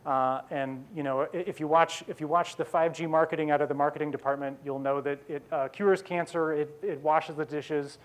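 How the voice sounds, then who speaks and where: A man in his forties giving a conference keynote, quick and self-deprecating, with many fillers and restarts. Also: a little high, steady tone. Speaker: keynote speaker. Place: conference hall.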